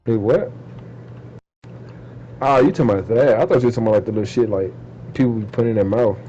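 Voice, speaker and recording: A man's voice: medium pitch, fast talker, warm tone, muffled recording, soft background music. A man in casual, profane trash talk with friends, boasting and breaking into laughter often.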